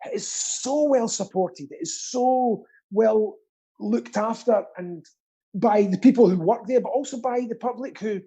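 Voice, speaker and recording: A man with a high, husky, mellow voice speaks at an unhurried pace. He's a guest chatting casually, a pantomime actor and theatre stagehand who rambles earnestly and pokes fun at himself.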